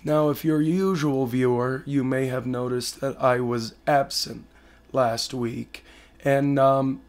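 A man in his twenties talks casually to camera in his living room as a podcast host. His voice is hoarse and partly lost, sitting at an ordinary pitch. He is blunt, self-deprecating and swears freely. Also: steady tone, takes it slowly, darkish tone. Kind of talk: casual solo update to camera.

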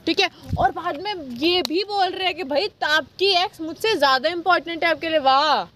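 A woman's voice: very high-pitched, normal speed, a bit bright, a little hiss or hum. A woman in a heated casual argument with her boyfriend, tearful, hurt and insisting again and again. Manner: insistent, hurt and repeating herself. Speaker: girlfriend being pranked.

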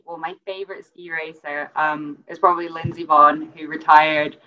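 A woman's voice: low-pitched, little pitch movement, moderate pace. A young British woman in her twenties, a ski coach, chatting casually on a video call with lots of fillers. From Britain. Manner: chatty, many "um" and "like" fillers, laughs often. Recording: dull lo-fi video call audio.

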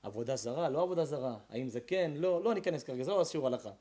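A man, a rabbi, giving a sermon to a live audience, swinging from quiet talk to emphatic shouting. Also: medium pitch, expressive.

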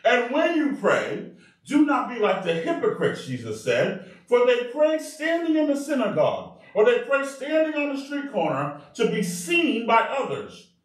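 A male pastor preaching a sermon in an animated way, calling out to the congregation for responses. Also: very high-pitched, a little slow. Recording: very echoey room, mic far off.

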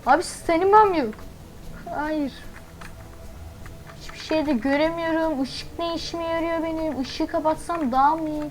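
A woman commenting on her gameplay as she plays, chatty and thinking aloud, with quick startled exclamations. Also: high voice, a little hiss or hum, rough recording. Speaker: gaming channel host.

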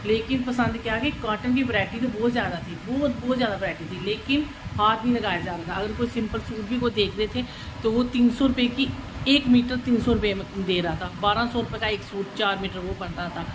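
A woman's voice: fairly high pitch, a little fast, noisy background. A middle-aged woman chatting casually in a home vlog while she does kitchen chores, rambling from one topic to the next, at times drifting away from the phone. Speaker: vlogger.

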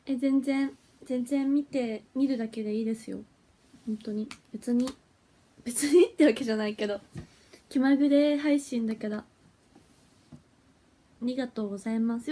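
A young idol woman hosting a casual phone livestream. Her voice sits high, with a mellow, breathy tone. She chats and giggles freely and gets flustered easily. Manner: chatty and giggly, flustered when her stream freezes.

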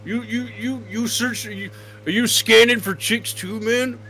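A man's voice: extremely high pitch, steady tone, a little slow, pushed and bright, a little hiss or hum, heavily acted. A man doing a drawling stoner dude. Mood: mellow. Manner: drawls "man" after nearly every line. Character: laid-back male stoner dude, mellow. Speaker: gamer.

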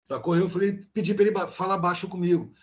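A man's voice: high voice, steady tone, fast. An older man talking on a video call, telling a blunt, slangy story in casual chat. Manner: blunt and slangy, peppered with "mano". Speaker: meeting participant.

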